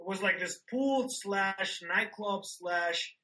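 Over a remote call, a male podcast co-host tells rambling, laid-back stories in a slow, high-pitched voice that sounds pushed and bright. He fills his speech with "like," and the recording is low quality.

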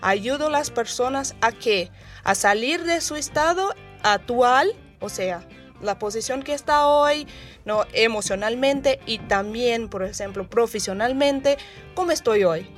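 A woman's voice: fairly high pitch, unhurried. A Brazilian woman, a native Portuguese speaker, talking as a guest coach in a conversational interview in hesitant, accented Spanish. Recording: music playing behind. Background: background music.

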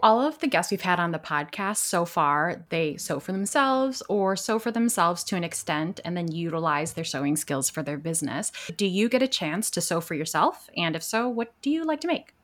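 A woman co-hosts a podcast in a fairly low voice. She teases her partner with dry humor, then puts clear, simple questions to the guest. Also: animated, normal speed, few pauses, a bit bright. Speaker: podcast co-host. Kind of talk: podcast hosting and banter.

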